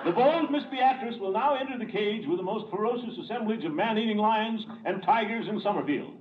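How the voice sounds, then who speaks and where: A man's voice: high-pitched, a little fast, crowd noise, natural voice. An actor playing a pompous, blustery middle-aged male water commissioner in a 1940s radio sitcom, chuckling often. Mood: announcing. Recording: dull old radio broadcast, loud hiss.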